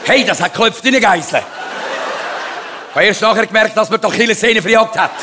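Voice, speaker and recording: High-voiced Swiss German comedian. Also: male voice, a little fast, crowd noise, background noise. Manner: comic storyteller, speaks of himself in third person. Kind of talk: stand-up comedy monologue.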